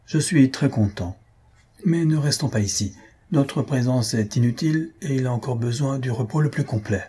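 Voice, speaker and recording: A man reading a calm, reassuring doctor with a measured manner and a husky, breathy voice. His tone is dark and mellow, lifted a little above the reader's usual pitch. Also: close to an everyday voice.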